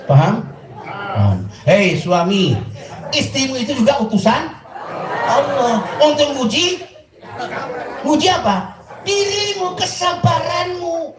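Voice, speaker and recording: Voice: sits high, expressive, slow pace, long pauses. A preacher with a Surabaya Javanese accent gives a jokey, teasing sermon, often quizzing the congregation. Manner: jokey, teasing, questions the audience. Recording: echoey, distant mic, crowd noise.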